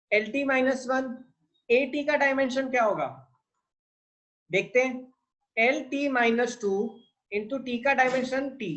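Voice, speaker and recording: Questions to his class, then his own answers: a physics tutor with an Indian English accent runs his lesson this way, mixing Hindi with English. His voice is very high-pitched and a bit bright, captured on a low-quality recording.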